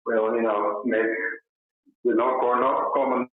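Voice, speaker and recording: A man talking on speakerphone in a live audio chat room. He speaks in a casual, halting way, searching for his words. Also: mid-range voice, flat delivery. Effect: on speakerphone, echoey phone audio. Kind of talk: casual discussion. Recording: echoey, tinny speakerphone line.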